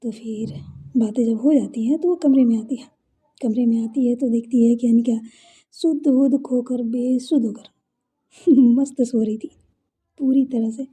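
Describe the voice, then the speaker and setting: Husky-voiced woman narrating a story. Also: on the high side, steady tone, normal speed. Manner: conversational, warm-hearted retelling with asides. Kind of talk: casual serialized story narration.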